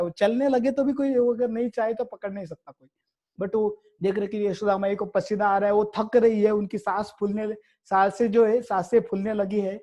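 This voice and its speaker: A man's voice: high voice, dark tone. A man telling a devotional story, explaining as he goes with repetitive asides to listeners.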